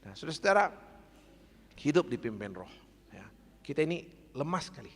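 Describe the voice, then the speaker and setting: A man preaching a sermon as pastor, earnest and exhortative, sometimes dropping to soft asides. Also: on the high side, very animated, a little fast, breathy edge. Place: church. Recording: echoey church hall.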